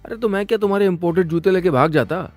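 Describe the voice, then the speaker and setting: A man voicing an exasperated young boyfriend in an audio story, speaking quickly and pleadingly. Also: high-pitched, no room sound, soft background music, lightly acted.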